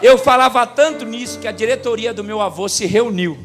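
A man preaching a sermon as a pastor, telling stories and swinging from soft talk to loud preaching. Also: very high-pitched, fairly quick. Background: music.

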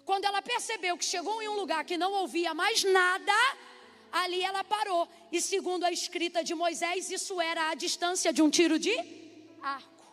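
A woman preacher with a very high voice delivers an animated sermon. She keeps calling on the congregation to answer back. Her voice carries a long hall reverb over faint music. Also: normal speed. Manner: animated, calls for congregation responses.

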